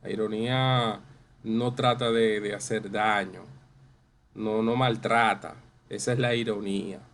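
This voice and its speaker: A man teaching a class, explaining slowly and repeating phrases and examples for emphasis. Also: fairly low pitch, fairly even intonation, gravelly, a bit bright, slight background noise. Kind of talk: online class lecture.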